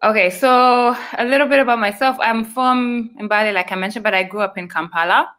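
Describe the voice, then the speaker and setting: A young Ugandan woman joins a video call interview as a guest, talking through a webcam from a small indoor room. Her voice is a little high, a little fast and somewhat bright, and she is friendly, explaining things at length.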